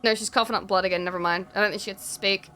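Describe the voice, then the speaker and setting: Bright, animated young woman streamer. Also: mid-range voice, very fast. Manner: animated and expressive, swears freely. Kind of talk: reading a visual novel aloud while playing.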